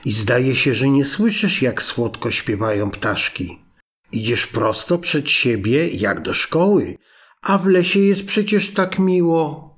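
A man's voice: medium pitch, big pitch swings, slow. A man doing a sly, hungry storybook wolf.

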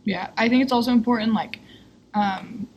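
A young podcast co-host in casual chat, relaxed and filler-heavy, saying "like" a lot. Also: mid-range voice, normal speed, lo-fi sound, a little hiss or hum.

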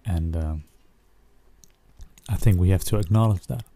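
A man with a low, dark voice leads a soothing guided relaxation in the manner of a sleep story narrator. He speaks gently, leaving long pauses between short phrases. The sound is close and dry. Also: no room sound.

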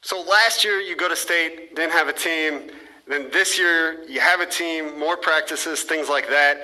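A man's voice: a little high, unhurried, bright, forceful tone, rough recording. A man hosting a sports podcast interview in an upbeat, casual way. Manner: upbeat, repeats "awesome" and "perfect". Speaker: podcast host.

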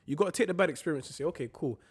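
A young man co-hosting a podcast speaks with a London roadman accent full of multicultural street slang. His voice sits high and sounds slightly rough as he races along, chatting casually but emphatically and repeating phrases for stress.

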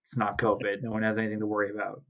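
Speaking fast in a low, monotone voice, this man hosts a podcast remotely from his home in Canada, using a home mic on a video call. Despite a sore throat, he keeps the chat casual, rambling, joking and correcting himself along the way.

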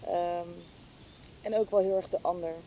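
Her voice is mellow, her intonation fairly even, and her speed normal as she hesitantly thinks aloud. The casual, reflective conversation features her as an interview guest and podcast hostess, with clear low rumbling noise behind her.

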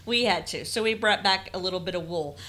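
A woman with a bright, forceful voice co-hosts a casual travel podcast. She does most of the talking and retells the trip from her notes in a chatty way. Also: on the low side, brisk. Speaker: podcast co-host.

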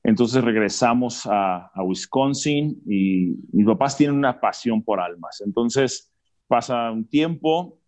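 Us-born guy, normal pitch, chill storyteller who laughs a lot. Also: slow pace. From United States. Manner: laughs easily, relaxed storytelling. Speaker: guest. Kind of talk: casual interview chat.

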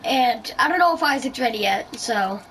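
A woman's voice: fairly high pitch, expressive, normal speed, fairly bright tone, a little hiss or hum, rough recording. A woman hosting a casual podcast chat, rambling through her story with lots of ums and likes. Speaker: podcast host.

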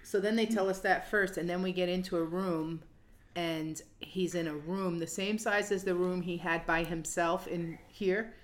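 A woman who is a podcast guest, earnestly recounting her family's story and quickly jumping in to add details. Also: on the low side, steady tone. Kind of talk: casual storytelling.

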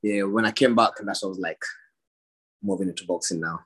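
A man's voice: deep voice, fairly even intonation, fast talker, a bit bright, breathy edge. A young man from Somalia, a professional boxer, giving short plain answers in a casual interview and laughing often.

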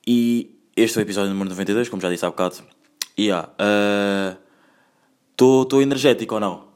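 A young man from Angola talks through a casual solo podcast from his home. His slightly low voice rolls along in loose, slang-filled chat, dropping in English phrases as he goes. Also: brisk, darkish tone, clear, resonant tone. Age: 20s. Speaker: podcast host.

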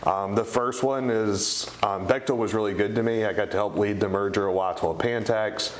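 A man's voice: on the low side, moderate pace, slight background noise. A middle-aged man with an East Tennessee accent, answering interview questions in a conversational way. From East Tennessee, United States. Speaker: interview guest, company co-founder. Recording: roomy, echoing sound.

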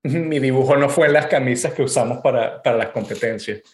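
A man from Venezuela with a Venezuelan accent, co-hosting a casual chat and telling stories with animated, casual swearing. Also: mid-range voice, brisk, echoey room. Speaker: podcast co-host.

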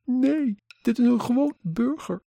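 An emotional young woman pleads in a strained, high voice, as a man telling his story puts her on. Underneath, the tone stays dark and gravelly, recorded close and dry. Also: measured pace, dry recording, full character voice. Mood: upset.

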